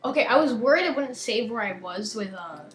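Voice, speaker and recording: A young woman with a slight lisp talks casually through a game, reading its text aloud and trailing off softly at the ends of lines. Her voice sits on the higher side and sounds a little roomy, with faint game music beneath. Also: expressive, fairly quick. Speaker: gaming channel host.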